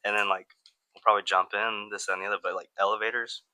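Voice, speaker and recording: A man's voice: lowish voice, little pitch movement, racing, sharp tone. A man co-hosting a podcast, chatting casually in a playful, rambling, jokey way. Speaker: podcast co-host. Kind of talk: casual comedic chat.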